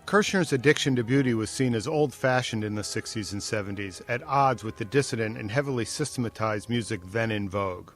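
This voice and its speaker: A man reading scripted narration for a news feature in a measured, even way. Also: fairly low pitch, soft background music.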